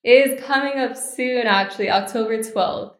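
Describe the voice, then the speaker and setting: A cheerful, articulate woman in her twenties from Miami, Florida, talks as a podcast guest in a casual interview; she's a bride-to-be and a law student. Her voice sits on the high side at a normal speed, and the room is reverberant.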